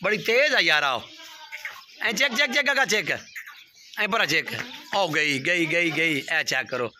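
A man with a high, bright voice that swoops all over as he bargains briskly and bosses people around outdoors. He sounds like he is filming on a handheld phone in a farmyard, with faint noise behind him. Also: lively intonation. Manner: brisk, bossy, haggling. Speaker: livestock dealer and video host. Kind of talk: casual on-camera bargaining.

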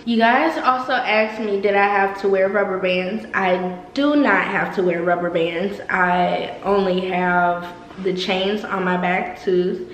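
A woman's voice: mid-range voice, unhurried, few pauses, roomy sound, low-quality recording. Nineteen-year-old woman talking through braces. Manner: chatty, with frequent ums and likes. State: speaking with braces. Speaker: vlogger. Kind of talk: casual Q&A vlog.

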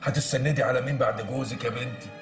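A man's voice: medium pitch, fairly even intonation, rapid-fire, over music, natural voice. An actor playing a fatherly Egyptian man giving soothing advice. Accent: Egyptian Arabic. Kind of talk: TV drama acting.

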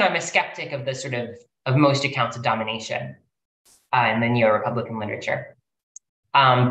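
A woman's voice: extremely low pitch, a bit bright. A woman speaker answering audience questions in an academic talk, thinking aloud with many fillers and restarts, sounding winded. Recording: roomy echo.

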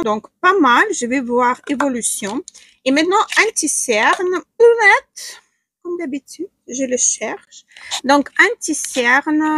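Working through a makeup tutorial at home, a beauty vlogger from Ukraine in her forties talks casually in accented English, peppering her speech with hesitant fillers. Her high voice is bright and forceful. The small indoor room adds no echo.

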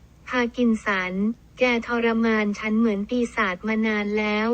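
Brief: woman doing an elderly man crying out in triumph, slow, clear, storybook reading. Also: on the high side, fairly even intonation, close to an everyday voice. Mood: triumphant. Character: elderly man, freshly cured, shouting in triumph.

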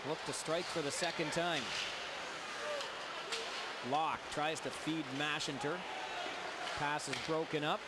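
A man giving excited play-by-play hockey commentary as a sports broadcaster. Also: on the high side, slow, long pauses. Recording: loud crowd and arena noise.

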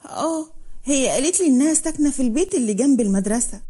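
A woman's voice: high-pitched, lively intonation, very fast, warm tone, husky. A woman voicing a mischievous, playful teenage girl in a story she reads aloud. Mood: cheerful.

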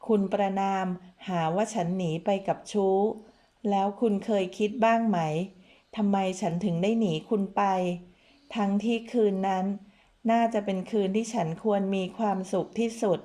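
A woman's voice: mid-range voice, fairly even intonation, moderate pace, mellow, lightly acted. A woman reading a novel aloud, voicing a defiant young bride who ran away, speaking in a pleading, defiant way.

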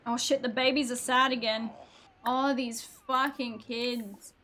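A woman streaming a life sim game, chatting casually, swearing a lot and laughing loudly. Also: on the high side, fairly even intonation, a little slow, soft background music. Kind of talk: casual gameplay commentary.

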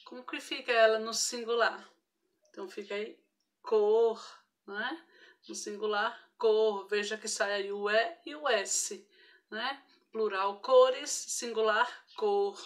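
A woman's voice: on the high side, takes it slowly. A woman with a Brazilian accent, teaching an online grammar lesson to primary school children, patient and careful, checking in often with short tag questions. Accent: Brazilian Portuguese. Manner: patient, frequent tag questions, spells out each example.

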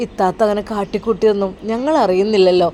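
A woman voicing a polite, subdued young man, speaking quietly and hesitantly. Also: mid-range voice, fairly even intonation, fast, slight background noise, voice pushed down, close to an everyday voice.

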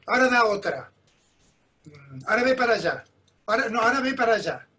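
A man's voice: animated, bright, forceful tone, far from the mic, heavily acted. A man voicing an imperious old stage actress who barks short commands. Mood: commanding. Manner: barks short rapid commands, higher pitch.

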